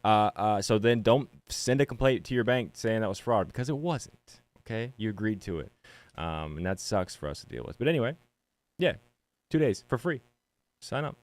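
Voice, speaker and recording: A man co-hosting a sports betting podcast, laid-back and giggly, with a halting delivery. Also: fairly low pitch, lively intonation, dry recording. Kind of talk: casual podcast talk about bets.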